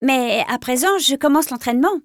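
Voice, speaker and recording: A woman's voice: high voice, animated, brisk, bright, forceful tone, dry recording, clean studio sound, voice pushed up. A woman voicing an eager, bold young male apprentice cat in a storybook reading.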